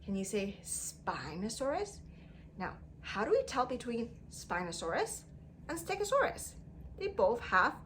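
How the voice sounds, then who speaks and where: Her voice is slightly high and fairly bright, and the recording carries a little hiss or hum. She runs a storytime for small children in an exaggerated, lilting way, repeating things and asking them prompting questions.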